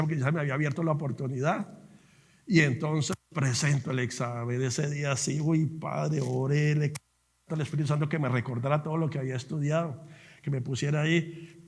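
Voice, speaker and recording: A middle-aged man preaching a sermon in church, telling his story with animated fervor. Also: fairly high pitch, long reverb tail. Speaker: pastor. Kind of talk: sermon with personal testimony.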